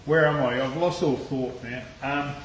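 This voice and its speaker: An Australian man with a medium-pitched voice hosts a casual live cooking stream for his channel, speaking at normal speed. His talk is loose and chatty, full of swearing and laughter, and the sound echoes around the room with a little hiss or hum.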